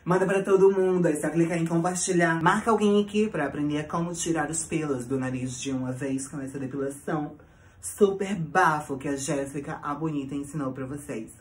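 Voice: mid-range voice, fairly even intonation, fairly quick, close to an everyday voice. A performer playing a vain, theatrical woman vlogger in a comic sketch, fussing and chatting straight to the viewers. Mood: chatty. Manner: theatrical, fussy, talks to viewers as babies. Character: vain dramatic woman vlogger waxing her nose.

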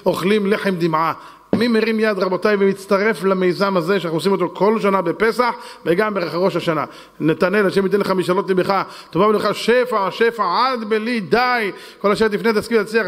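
A male rabbi with a high voice pleads and presses his congregation, repeating his appeal over and over. His words ring out with long reverb in a synagogue hall. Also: fairly bright tone. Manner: insistent, pleading, repetitive. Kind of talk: fundraising sermon appeal. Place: synagogue hall with women's section.

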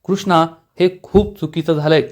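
A man's voice: on the high side, steady tone, moderate pace, close to an everyday voice. A man reading the lines of an angry young husband scolding his wife in a TV serial recap. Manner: scolding, reproachful.

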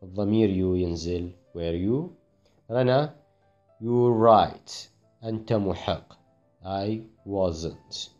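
Slow, mellow-voiced man teaching. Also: fairly low pitch, lo-fi sound, soft background music. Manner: explains in Arabic, reads English phrases slowly and carefully. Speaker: English teacher. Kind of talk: classroom grammar explanation.

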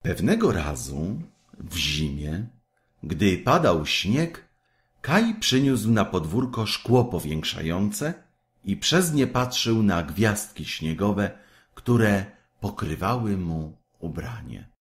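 Male storyteller reading a fairy tale, low voice, unhurried and very melodic. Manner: expressive, measured storytelling.

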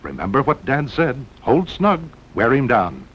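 Huge pitch swings mark this American man's narration of a 1960s promotional film, which is unhurried, fairly bright and breathy at the edges. He's dramatic and clipped, phrasing things in short punches, on a muffled vintage soundtrack with rumbling in the background.

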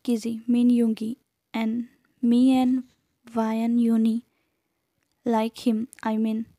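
A woman's voice: fairly high pitch, completely flat delivery, takes it slowly, warm tone, no room sound. A woman reading the lines of an apologetic young sister in a fan story, naming her before each line. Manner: reads the figure's name before each line. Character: young girl-in-law, apologetic sister who edited a photo.

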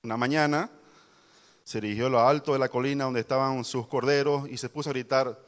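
A man's voice: medium pitch, steady tone, brisk. A man preaching to a youth service, telling a fable and quizzing the congregation. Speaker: pastor. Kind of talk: youth sermon storytelling. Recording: long hall reverb.

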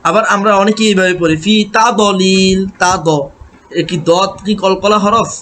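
A man teaching Quran recitation, chanting verses melodically and then explaining pronunciation in quick speech. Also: high-pitched, steady tone, pushed and bright, a little hiss or hum. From Bangladesh.

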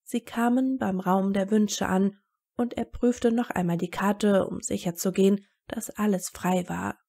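A woman reads a story aloud in steady narration. Her voice sits in the middle range. A gravelly fry colours it throughout. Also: mid-range voice, unhurried. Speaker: fan fiction reader.

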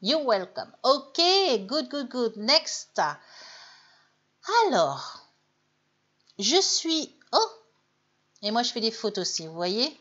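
A woman teaching English on a live stream in French. She chats with viewers, reads their names, corrects them gently and says the English model phrases slowly. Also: a little high, sing-song, highs cut off.

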